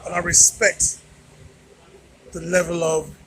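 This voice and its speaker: A man's voice: on the high side, completely flat delivery, takes it slowly, noisy background. A man vlogging informally to his viewers, speaking emphatically like a preacher and repeating phrases for effect. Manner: emphatic, preacher-like address with rhetorical repetition. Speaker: vlogger and channel host. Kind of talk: informal motivational monologue to viewers. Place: out on a street at night.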